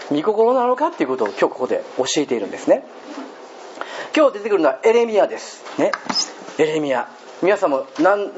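A man preaching a sermon as pastor, chatty and joking, often turning to the congregation with questions. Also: on the high side. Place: church hall. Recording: dull lo-fi recording with faint hiss.

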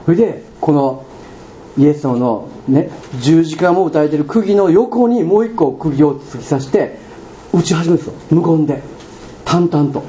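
Animated Kansai-accented male pastor preaching. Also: fairly high pitch, moderate pace. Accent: Kansai Japanese. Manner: animated storytelling with questions to the congregation. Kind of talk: sermon. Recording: dull lo-fi recording with faint room noise.

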